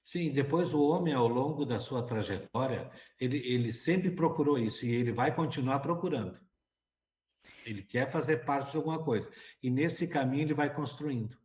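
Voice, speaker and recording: Man, radio co-host, calm, agreeable, mid pitch, roomy echo. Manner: calm, agreeable, measured remarks. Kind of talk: casual radio conversation.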